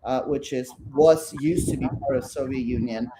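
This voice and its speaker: A middle-aged Belarusian woman whose first language is Russian speaks with a Russian Brooklyn accent as the artist guest in a casual interview, halting and full of fillers and restarts. Her voice rumbles low with fairly even intonation, and there is background noise.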